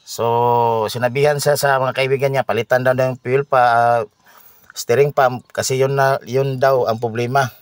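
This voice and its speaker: A man, a mechanic explaining a car repair to viewers in a halting way, pausing and repeating himself. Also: medium pitch, level tone, smooth, no room sound.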